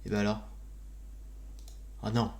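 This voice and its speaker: A man's voice: on the low side, level tone, a little slow, creaky. A man doing casual live gaming commentary as a streamer, with a jokey, mock-grand manner and muttered asides. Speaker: video game streamer.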